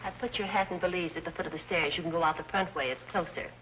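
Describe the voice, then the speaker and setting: An actress playing a wry, unimpressed maid, tossing out deadpan sarcasm in 1930s screwball comedy banter. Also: female voice, on the low side, very fast, lightly acted. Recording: thin tinny old film soundtrack, hiss.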